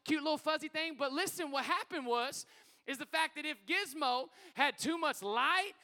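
A middle-aged man preaching a sermon as pastor, energetic and calling out to his congregation in a church hall. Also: extremely high pitch, moderate pace.

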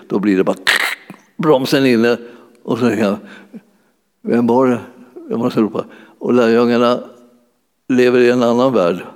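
A man's voice: fairly low pitch, darkish tone. A preacher man in a reverberant church hall. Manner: conversational, searching for words with many fillers. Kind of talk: sermon.

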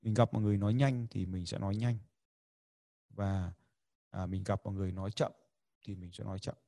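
Gravelly-voiced man teaching with a lilt. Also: sits low, fairly even intonation, fairly quick, mellow, no echo. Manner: chatty and demonstrative, acting out example lines and laughing often. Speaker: communication skills teacher. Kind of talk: livestreamed lesson addressing viewers.

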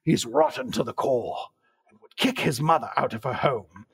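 A man putting on the voice of a sly old male wizard sage, low and murmuring. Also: wildly swooping pitch, normal speed, creaky, slightly rough, far from the mic, full character voice. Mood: sly, grumbling.

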